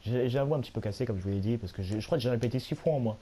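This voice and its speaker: A hoarse young man, a little sick, giving rambling, self-mocking commentary while he plays a video game at home. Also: mid-range voice, very fast, mellow, slight background noise. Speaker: gaming YouTuber. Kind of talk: casual let's-play commentary.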